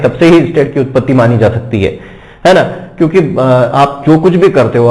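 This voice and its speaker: A man teaching an exam-prep statistics lecture, who explains slowly, repeats key words and answers his own questions. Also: on the high side, darkish tone, roomy sound, rough recording.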